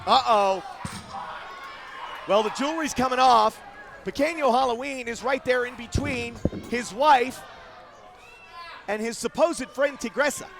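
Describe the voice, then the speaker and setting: A man's voice: extremely high pitch, unhurried, pauses often, over music, a crowd in the background. A man calling pro wrestling as a lucha libre play-by-play announcer, with emphatic, dramatic delivery.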